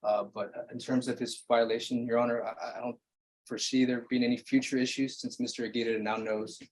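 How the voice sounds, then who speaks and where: A man's voice: medium pitch, level tone, a little fast, slight background noise, low-quality recording. A man acting as defense attorney, speaking formally to the judge at a hearing. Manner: formal, repeats "Judge" often. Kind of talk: courtroom address.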